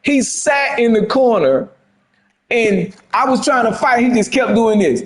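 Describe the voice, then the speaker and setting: A man's voice: extremely high pitch, lively intonation, unhurried, low-quality recording. A man ranting heatedly as a gaming commentator, profane and fired up, with a temper.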